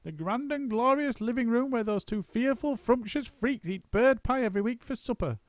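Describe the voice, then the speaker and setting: Muggle-Wump, shrill frantic monkey. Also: male voice, moderate pace, dry recording. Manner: shouting, excitable, commanding. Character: frantic bossy male monkey father, shrill.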